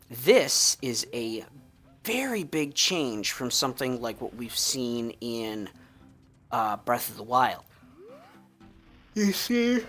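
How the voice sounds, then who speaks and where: A man's voice: mid-range voice, bright, forceful tone. A man streaming a video game and chatting casually over it, joking and laughing often. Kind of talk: casual let's-play commentary.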